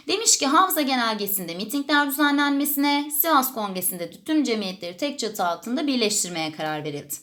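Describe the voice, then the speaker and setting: A woman with a high voice teaches through exam questions. Her intonation swings widely as she poses questions and then answers them herself in an explanatory way. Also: a bit bright. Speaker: history teacher. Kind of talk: exam question walkthrough lesson.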